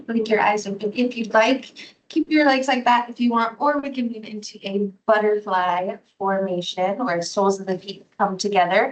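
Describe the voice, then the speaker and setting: A woman yoga instructor leading a restorative class in a soothing, gently encouraging manner. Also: medium pitch, rough recording.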